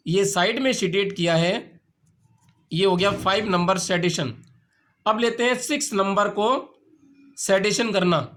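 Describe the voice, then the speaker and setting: High-pitched man teaching step by step. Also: fairly bright tone. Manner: patient step-by-step explaining, repeats points. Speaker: acupressure teacher. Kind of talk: instructional demonstration.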